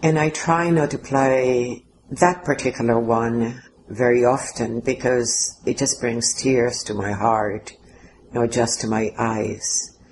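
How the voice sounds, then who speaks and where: Interview guest, mid-pitched, heartfelt and formal reminiscence, faint background noise. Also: steady tone, slow, rough recording.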